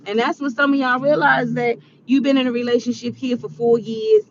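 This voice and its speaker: A woman's voice: high voice, a little fast, highs cut off, slight background noise. A woman in her forties giving earnest, preachy advice in a casual vlog monologue. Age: 40s. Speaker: vlogger.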